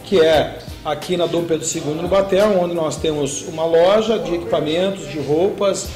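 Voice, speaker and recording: A middle-aged Brazilian man with a high-pitched voice explains his flying school at an even pace, ending many sentences with a quick tag question. The room is echoey, and faint music plays under him. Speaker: paragliding school owner. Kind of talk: interview answers. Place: indoor shop room with shelves.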